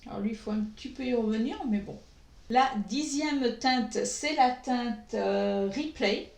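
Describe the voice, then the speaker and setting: A French-speaking woman doing a makeup tutorial, talking slowly with many pauses and fillers. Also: fairly high pitch, vocal fry, darkish tone. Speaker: beauty vlogger. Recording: echoey room.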